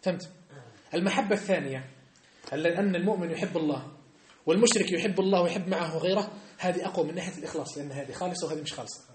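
A man's voice: a little high, rapid-fire, slight background noise. A man teaching a religious text class, explaining verses and often asking his students whether they have understood. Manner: lively, quizzes students often. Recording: echoey classroom.

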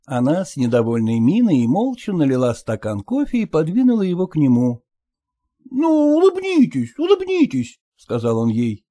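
A reader narrating a classic story aloud in a measured way, voicing the dialogue. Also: medium pitch, big pitch swings, mellow, no room sound, studio quality.

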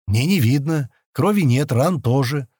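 A man reading an audiobook, voicing a gruff, irritable young man with curt replies. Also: mid-range voice, animated, measured pace, a little mellow, no echo, clean studio sound, voice pushed up. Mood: reluctant. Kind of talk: audiobook character voice.

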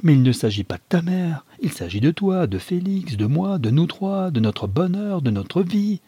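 A man's voice: normal speed, warm tone, husky, dry recording, natural voice. A man voicing an unhappy young wife who pleads earnestly with her husband in a read novel. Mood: desperate. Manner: earnest, rising in pitch when pressed.

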